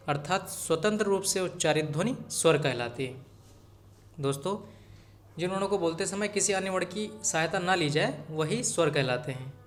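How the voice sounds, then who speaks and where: Male tutor, slightly high voice, exam-prep lecture, repetitive and direct. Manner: repeats key points, addresses viewers as friends. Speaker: teacher.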